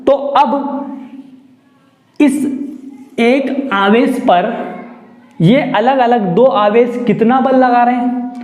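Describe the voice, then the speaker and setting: A man teaching a physics lesson at a slow, deliberate pace, recorded in an echoey room. He talks playfully and keeps asking his students questions. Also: very high-pitched, a little mellow. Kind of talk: classroom lesson.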